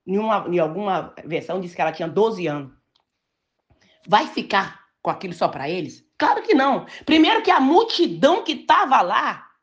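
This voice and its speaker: Older woman preaching with lively pitch. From Brazil. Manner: storytelling, emphatic, slows to stress key words. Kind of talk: sermon.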